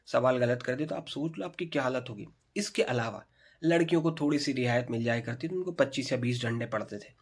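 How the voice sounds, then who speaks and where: A man in his thirties telling a school story to camera, chatty and animated, talking straight to his viewers. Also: medium pitch. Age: 30s. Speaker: storytelling vlogger.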